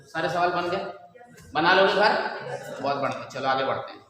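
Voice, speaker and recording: High bright-voiced male chemistry teacher. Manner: dictates questions slowly, coaxing students with "beta". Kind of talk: classroom lecture. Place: large echoey classroom. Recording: echoey hall from far off, faint room noise.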